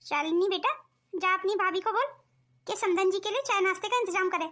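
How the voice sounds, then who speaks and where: Lady doing a polite cartoon mom of the bride, quick and high. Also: fairly bright tone. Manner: courteous, deferential. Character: polite middle-aged mother of the bride. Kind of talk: cartoon voice acting.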